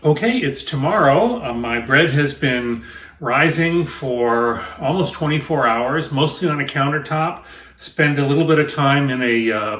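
A man in his fifties with a mid-range voice hosts a home cooking show from his kitchen. He gives a casual demonstration, explaining each step in a relaxed way as he works.

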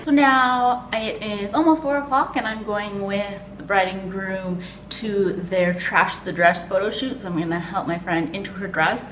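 A young Canadian woman vlogs on holiday from a hotel room, holding a phone camera at arm's length as she rambles upbeat and casual, full of "like" and "um." Her medium-pitched, fairly bright voice stays fairly even and unhurried with hardly any pauses, while the poor audio has slight background noise.

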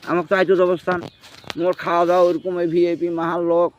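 Telling his own story in casual chat with a rural northern Bengali dialect, this man's voice sits high and he speaks monotone at a quick pace. He performs the dialogue, checks that the listener follows, and the field recording is muffled and noisy.

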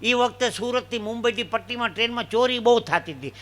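A man's voice: very high-pitched, fairly quick. A man telling jokes and folk stories on stage, acting out the voices of the people in them. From Gujarat, India. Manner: animated joke telling with acted dialogue voices. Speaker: stand-up comedian. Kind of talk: live folk comedy storytelling.

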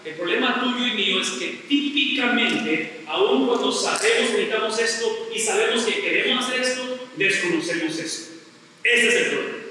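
A man's voice: high voice, animated, normal speed, pushed and bright. A middle-aged man pastor preaching a sermon, stressing points by repeating phrases and asking the congregation rhetorical questions. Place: church sanctuary. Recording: very echoey church hall, voice from far off, faint noise.

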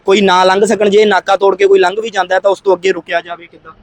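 Man, field news reporter, high voice, dry close sound, hums and hesitations, on-the-spot interview. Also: flat delivery, rapid-fire, no echo. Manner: questioning with frequent hums and hesitation fillers.

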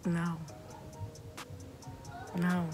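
A woman's voice: lowish voice, completely flat delivery, drawn-out words, over music. A teenage girl hosting a casual reaction vlog, giggly and easily spooked. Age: teens. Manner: giggly, easily spooked, shrieks and laughs at shocking things. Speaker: vlogger.

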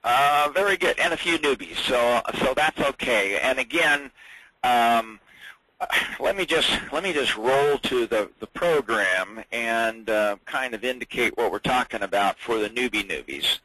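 A man training users in a software webinar, chatty and halting, with many fillers and restarts. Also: medium pitch, expressive, breathy edge, no echo, low-quality recording. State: hiccups.

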